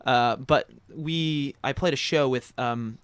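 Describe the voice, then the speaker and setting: A man's voice: mid-range voice, slow pace, smooth, no room sound. A man being interviewed as a band guest on a radio show, talking in a rambling, hesitant way full of ums and restarts. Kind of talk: casual radio interview chat. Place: radio studio.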